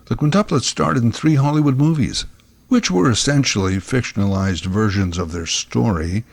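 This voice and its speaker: A man's voice: medium pitch, moderate pace, vocal fry, no room sound. A man giving scripted documentary narration in a conversational way, recorded on a close microphone.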